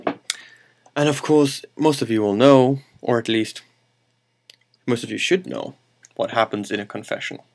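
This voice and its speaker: A man's voice: mid-range voice, measured pace, creaky, pauses often. A man hosting a show and telling an improvised comic story, rambling, correcting himself and making playful asides.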